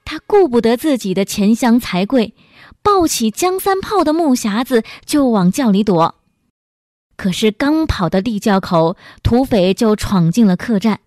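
A woman narrating a dramatic story in an expressive, measured way. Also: fairly high pitch, dry recording, clean studio sound.

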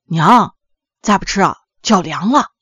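A woman doing a lower-voiced devoted grown son, coaxing. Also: lively intonation, moderate pace, slightly rough, no echo, muffled recording. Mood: concerned. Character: devoted middle-aged son, eager and earnest.

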